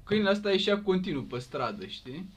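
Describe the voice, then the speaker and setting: A man chatting casually on a podcast, animated and quick to laugh. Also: high voice, slightly rough. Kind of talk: casual chat.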